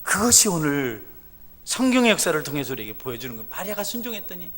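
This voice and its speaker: A middle-aged man preaching a sermon as a pastor, swinging from hushed, confiding asides to loud, fervent exhortation. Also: a little high, sing-song, quick pace. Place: church sanctuary. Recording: church sanctuary with long reverb.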